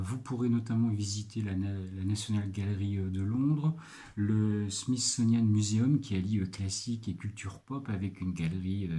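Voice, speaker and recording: A French librarian presenting picks in a casual video, hesitant and full of filler pauses as he checks his notes. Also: sits low, mellow. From France.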